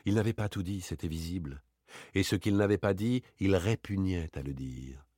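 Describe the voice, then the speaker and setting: Man calmly narrating a classic story. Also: husky, dry recording, clean studio sound. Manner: measured, low-key storytelling. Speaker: audiobook reader. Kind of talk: literary narration.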